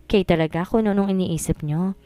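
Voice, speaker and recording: A woman narrating a romance story in a steady, even reading voice. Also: on the low side, a little fast, no echo, faint music behind.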